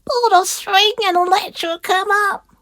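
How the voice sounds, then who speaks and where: A woman voicing a feeble, slightly deaf old grandmother in a high, breathy whisper. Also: unhurried, fairly bright tone, no room sound, studio quality. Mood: frail welcoming.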